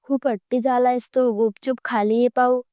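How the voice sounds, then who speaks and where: A young mother speaks in a hushed, firm tone, read by a woman. Her voice is clear and somewhat high, with little rise and fall. The recording is clean and dry. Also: fairly even intonation, normal speed, dry recording, close to an everyday voice. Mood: gently firm. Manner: soft, hushed scolding.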